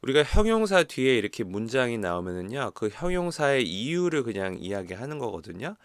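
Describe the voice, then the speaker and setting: A man giving an online English lesson, explaining step by step and reading example sentences slowly and carefully, often checking in with his listeners. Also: medium pitch, big pitch swings, smooth, no echo. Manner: checks in with the listener with short tag questions. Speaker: English teacher.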